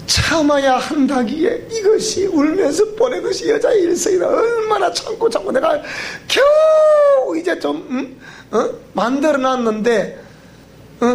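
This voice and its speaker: A man's voice: very high-pitched, big pitch swings, moderate pace, creaky, voice pushed up, exaggerated voice. A man voicing a feisty old grandmother with a Gyeongsang accent, scolding and laughing about her stubborn husband. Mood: exasperated.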